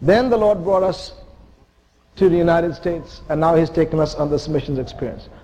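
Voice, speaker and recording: A man preaching to a congregation, his voice set a little high but mellow and soft in tone. He speaks earnestly and with emphasis, dropping in playful jokes, and a faint hiss sits under the sound. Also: moderate pace, low-quality recording. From India. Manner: earnest and emphatic, with joking asides. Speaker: visiting missionary preacher. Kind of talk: sermon to a congregation. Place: church sanctuary.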